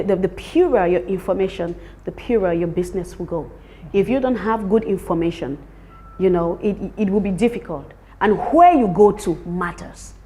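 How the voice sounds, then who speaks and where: A Cameroonian woman with a mellow, medium-pitched voice and a Cameroonian accent is interviewed as the organiser of a summit. She speaks emphatically, repeating words for stress, in promotional interview talk.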